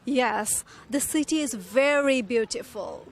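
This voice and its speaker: A woman playing a friendly tourist who answers a reporter's questions slowly and carefully for an English lesson. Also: a little high. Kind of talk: scripted English lesson dialogue. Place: outdoors in a city.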